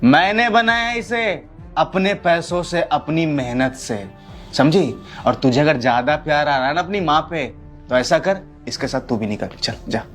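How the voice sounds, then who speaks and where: A man's voice: fairly high pitch, measured pace, faint music behind. A man playing a harsh, domineering husband who orders people about and talks with scorn, in a family drama skit. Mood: angry. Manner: shouting, rude, commanding.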